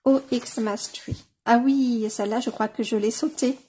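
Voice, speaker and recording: A woman casually leafing through a coloring book on camera, gushing over the pages with many fillers and slowly sounding out titles. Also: fairly high pitch, fairly even intonation, mellow, slightly rough. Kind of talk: casual flip-through commentary.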